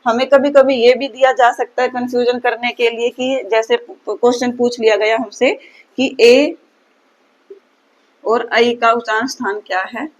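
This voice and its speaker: A woman's voice: fairly high pitch, fairly even intonation, measured pace, lo-fi sound. A woman teaching Sanskrit grammar for an exam, often asking her own questions and answering them. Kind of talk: exam-prep lesson.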